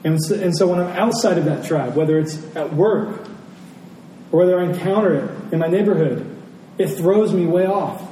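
An American pastor delivers a conversational sermon in a fairly high-pitched, dark-toned voice at an ordinary pace. He speaks reflectively and repeats phrases for emphasis. The recording is roomy, with a distant mic and faint noise.

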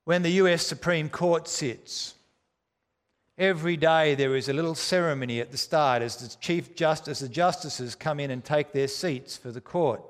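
A man delivers a sermon in an echoing hall with long reverb. His voice is fairly high, and he stresses his phrases dramatically, leaning on repetition and rhetorical questions. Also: moderate pace. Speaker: preacher.

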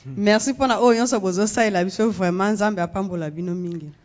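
Fast-talking woman from Congo. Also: medium pitch, darkish tone, muffled recording. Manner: measured, pausing for interpreter. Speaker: guest speaker. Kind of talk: speaking in phrases for interpretation. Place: church sanctuary.

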